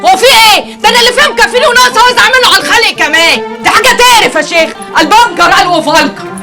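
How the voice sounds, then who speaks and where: Brief: a shrill, quick-tempered Egyptian alley woman, with insults tumbling out and music beneath. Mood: mocking. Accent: Egyptian Arabic, Cairo popular. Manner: rapid shouting insults, folksy. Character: loud brash working-class alley woman, quick-tempered. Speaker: actress in a TV comedy series. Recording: TV drama audio with loud music.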